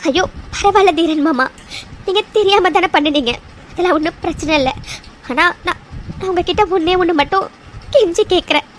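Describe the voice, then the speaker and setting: Gentle young cartoon woman, woman voicing, very high and coaxing. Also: a little fast, long pauses, a little hiss or hum. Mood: pleading. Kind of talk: cartoon voice acting.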